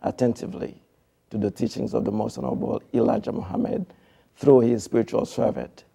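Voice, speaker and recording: A man's voice: mid-range voice, fairly quick, creaky, warm tone, breathy edge. A man from Haiti, a TV producer, speaking as a studio interview guest in a formal, devotional way with hesitant fillers.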